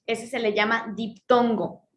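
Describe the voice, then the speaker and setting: Higher-pitched woman teaching poetry. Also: level tone, a little hiss or hum. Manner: explains step by step, checks in with "¿verdad?" and "¿ok?"; reads verse lines slowly, drawing out syllables. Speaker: Spanish literature teacher. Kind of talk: lesson on poetry.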